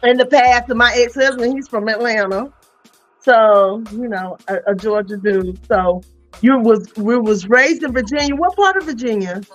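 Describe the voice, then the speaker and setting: A woman from North Carolina, hosting a casual chat podcast in a loud, playful, slangy way. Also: on the high side, moderate pace, soft background music. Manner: loud, playful, chatty, drops into Southern slang. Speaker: podcast host.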